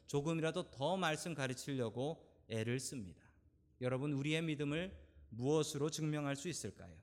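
A man in his forties, a pastor delivering a sermon, questioning the congregation directly and building emphasis. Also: on the high side.

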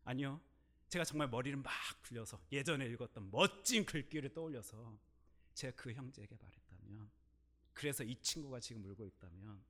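A middle-aged male pastor preaching a sermon, telling a personal story and swinging between quiet asides and loud, emphatic bursts. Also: mid-range voice.

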